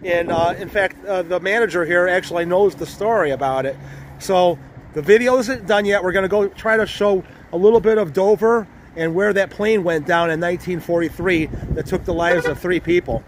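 A man's voice: sits high, moderate pace, a little hiss or hum. A man hosting a casual food-review vlog, chatting and rambling while he eats at a buffet restaurant. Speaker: vlog host. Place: buffet restaurant, then outdoors.

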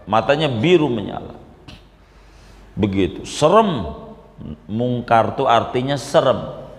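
A male preacher tells stories in a colloquial, unhurried sermon. His slow delivery rings through a large hall, with roomy echo and a long reverb tail. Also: medium pitch. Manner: storytelling, colloquial, animated. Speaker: Islamic preacher. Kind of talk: informal sermon.

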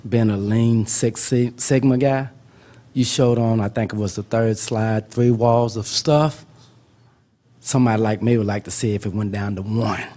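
A man comments from the audience, picking his words as he goes. His voice is fairly low and mellow. He is heard from a distance, away from the microphone. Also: steady tone, moderate pace. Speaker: audience member. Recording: distant from the mic.

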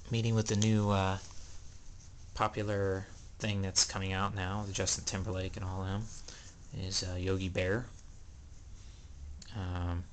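Young man, casual show-and-tell, rambling with ums, low voice, faint hum behind, camera mic at home. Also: a bit bright. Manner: rambling, hesitant, many ums. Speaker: collector selling items. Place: indoors, small room at home.

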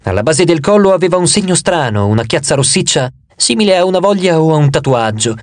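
A male narrator reads an audiobook in the first person, telling the story with dramatic, expressive flair. His voice sits a bit high and swings widely in pitch. The sound is close and dry, with no room in it. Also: fast, dry recording.

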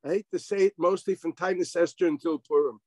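A man's voice: a little high, steady tone, quick pace, a little mellow, dry recording, poor audio. A man teaching an informal Torah class over a video call, wry and sarcastic, firing rhetorical questions and sprinkling in Hebrew and Yiddish terms.

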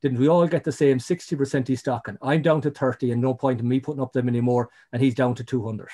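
A man's voice: medium pitch, fairly even intonation, quick pace, dark tone. An Irish man, middle-aged, telling his story in a casual interview, rambling with many restarts and "you know". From Ireland. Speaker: guest, ecologist.

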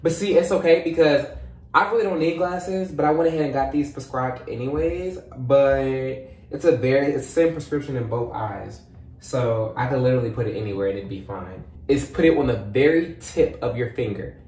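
A man's voice: mid-range voice, fairly quick. A young man in his twenties chatting casually and expressively, walking viewers through a demonstration like a vlogger. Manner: playful, expressive, exclaiming. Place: small home bathroom, indoors. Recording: roomy bathroom echo, faint noise.

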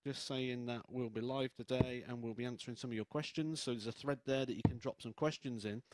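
A man's voice: medium pitch, fairly even intonation, a little fast, background noise. A man co-commentating on darts in a conversational sports commentary style.

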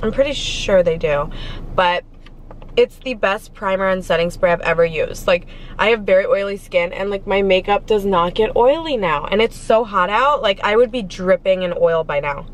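A woman in her twenties with an American accent and a medium-pitched voice chats to camera at a moderate pace while eating in a parked car. This food vlogger gushes informally, talking between bites in a casual eating vlog. Faint car and street noise can be heard in the background.

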